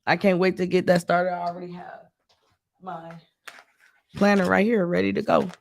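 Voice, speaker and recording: A young man from the Midwest, hosting a casual chat and telling stories in a chatty, excitable, animated way. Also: high-pitched, moderate pace, vocal fry.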